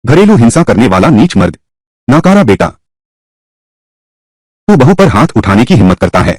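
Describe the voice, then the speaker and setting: A man's voice: medium pitch, big pitch swings, moderate pace, darkish tone, no echo. A man voicing a fierce middle-aged mother-in-law who scolds and threatens her son in a dubbed story. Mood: furious.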